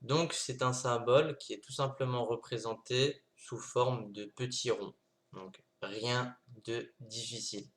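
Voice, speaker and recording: A man's voice: mid-range voice, fairly even intonation, unhurried, a bit bright. Man, teacher, patient, repetitive, demonstrates consonant sounds, online lesson, computer mic. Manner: patient, repeats points with many "donc" and "d'accord". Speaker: Arabic teacher.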